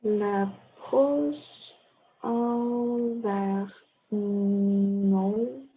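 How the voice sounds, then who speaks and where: Very slow, dark-voiced student reader. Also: female voice, mid-range voice, steady tone, soft background music, poor audio. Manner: halting reading with fillers. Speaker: student reading aloud.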